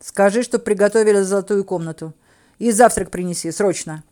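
A woman voicing a cool, mocking male elf lord in an audiobook, giving curt, authoritative orders in a lowered, louder voice. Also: fairly even intonation, normal speed, lightly acted. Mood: commanding.

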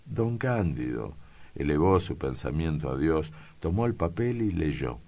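A man with an exceptionally deep voice reads a classic novel aloud as an audiobook narrator. He takes his time, keeps an even, measured delivery, and lets each sentence settle. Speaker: audiobook reader.

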